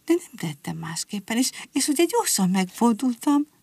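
A woman voicing a proud, eager little boy rabbit in a high, excited voice. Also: gravelly, husky, dry recording, heavily acted.

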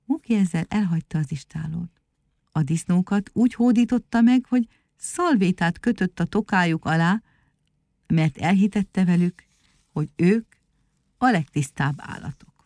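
A woman narrating a children's storybook in a calm, measured way. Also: fairly low pitch, no room sound, clean studio sound. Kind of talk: storybook reading.

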